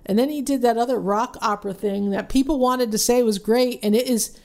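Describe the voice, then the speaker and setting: A woman co-hosting a casual chat, rambling with restarts and getting animated when she rants. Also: on the high side, brisk. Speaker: podcast co-host.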